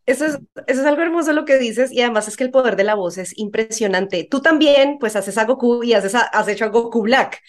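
A woman's voice: a little high, brisk. A woman co-interviewer asking a question in an admiring, conversational way.

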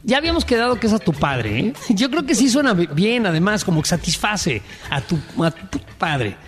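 A man's voice: sits high, very animated, brisk, faint music behind. A man with a Mexican accent, co-hosting a casual comedy podcast, joking and laughing often. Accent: Mexican Spanish. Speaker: podcast co-host.

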